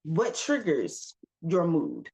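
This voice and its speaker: A woman's voice: deep voice, wildly swooping pitch, a little mellow. A woman giving a casual self-help talk as a wellness coach, firing off questions and calling listeners y'all and baby. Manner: asks rapid rhetorical questions, calls listeners y'all and baby; emphatic, coaching.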